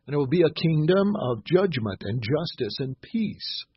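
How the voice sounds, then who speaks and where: A man giving a sermon, often pausing with fillers and restarts, reading scripture aloud slowly and with emphasis. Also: a little high, sing-song, husky, no echo, muffled recording. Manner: halting, many "uh" fillers and restarts. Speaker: pastor.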